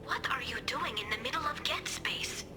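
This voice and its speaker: Earnest young alien engineer gal over a sci-fi comm link, bit high, breathy, loud game music under it. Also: female voice, normal speed. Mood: urgent. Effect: sci-fi communicator radio transmission. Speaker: squad ally on comms. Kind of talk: video game voice acting.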